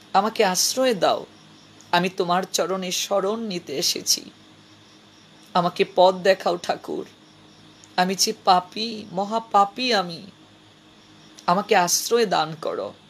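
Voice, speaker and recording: A man voicing a remorseful young courtesan who begs a saint for forgiveness, in a drawn-out, pleading, self-reproaching manner. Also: high voice, pushed and bright, heavily acted.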